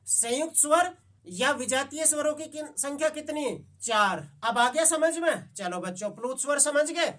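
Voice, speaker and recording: A man's voice: extremely high pitch, moderate pace, fairly bright tone, far from the mic. A male Hindi teacher giving an exam-prep class, asking the students questions and answering them himself. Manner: coaxing, repeats "समझ गए बच्चे?".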